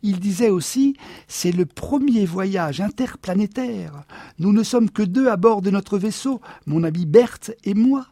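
A man reading aloud, voicing a wistful, excitable woman who eagerly recounts a strange dream. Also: medium pitch, measured pace, no echo, clean studio sound, voice pushed up. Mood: wondering. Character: dreamy, wistful Martian wife, restless and excitable.

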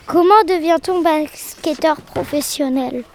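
A woman asks an interviewer's questions in a high voice. She speaks slowly and deliberately, one careful question at a time. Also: a little hiss or hum.

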